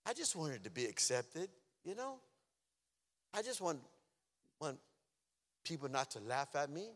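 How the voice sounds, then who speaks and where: A man's voice: on the high side, sing-song, unhurried. Emotional man giving testimony in reverberant hall. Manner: emotional, swings from loud outbursts to near-whispers. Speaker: testimony speaker. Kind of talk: personal testimony.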